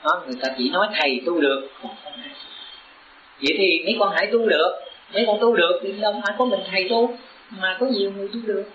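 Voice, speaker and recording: A man's voice: high-pitched, fast talker, slight background noise. A man, a Buddhist teacher giving a sermon to his disciples. He speaks in an earnest, exhorting way and pushes up into urgent emphasis. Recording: roomy, dull lo-fi recording.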